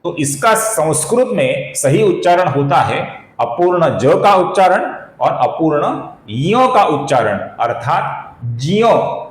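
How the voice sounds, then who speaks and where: Male recitation teacher with a slightly high voice, patient and careful, chanting verses slowly in an echoey room. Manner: addresses viewers as friends, repeats corrections patiently. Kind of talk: explanatory lesson on pronunciation.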